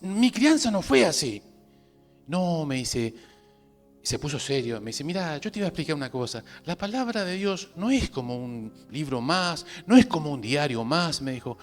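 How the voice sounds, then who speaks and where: A man with a Rioplatense Spanish accent preaching in church, telling a personal story with lively acted-out dialogue. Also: on the high side, moderate pace, soft background music. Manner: animated storytelling, acts out both sides of dialogue. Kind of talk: sermon testimony.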